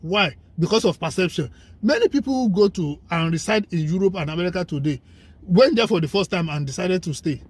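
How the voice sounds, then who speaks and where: Speaking fairly quickly and with animation, this guest commentator has a high, breathy-edged male voice. In conversation he argues emphatically and persuasively, driving his points home through lists and rhetorical questions.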